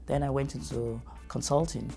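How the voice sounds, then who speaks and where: In a studio with a dark backdrop, a middle-aged Nigerian-accented family educator answers interview questions over clear background music. His mid-range, medium-pitched voice is steady and heavy with gravelly fry. He sounds measured, earnest and thoughtful, using fillers.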